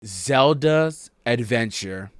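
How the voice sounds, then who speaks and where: A young man giving casual, joking tier-list commentary on video games, excitable and chatting straight to his viewers. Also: mid-range voice, very slow, soft background music. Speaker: gaming YouTuber.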